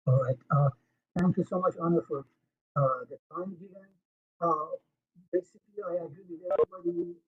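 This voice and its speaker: A man in his sixties giving halting public testimony over a crackly remote line that keeps fading out. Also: a little high. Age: 60s. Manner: halting, with many fillers and restarts. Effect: crackly, fading phone-like remote line. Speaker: public commenter at a hearing. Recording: tinny, faint remote line that fades out.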